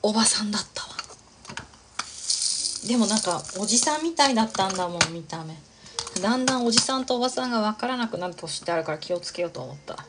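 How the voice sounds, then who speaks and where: A woman's voice: medium pitch, expressive, rapid-fire, heavy background noise. A woman chatting casually on a livestream while she crafts, rambling from thought to thought, laughing often and reading out viewer comments.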